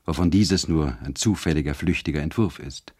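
A man voicing a modest, serious male architect who speaks in a quiet, restrained way. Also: a bass voice, normal speed, breathy edge. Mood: reserved.

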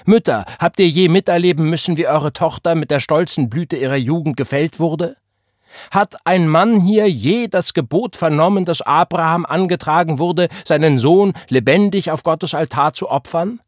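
A man's voice: a little high, dry recording, clean studio sound, voice pushed up, close to an everyday voice. Man doing a fervent young revival preacher. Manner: fervent, rising cries, drawn-out stresses. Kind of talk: impassioned sermon.

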